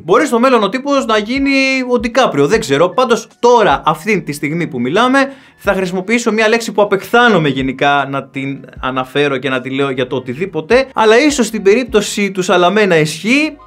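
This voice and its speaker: A man's voice: high voice, a bit bright. Chatty, emphatic male film reviewer. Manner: emphatic and chatty, addresses viewers directly. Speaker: film reviewer and channel host. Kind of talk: casual spoken film review.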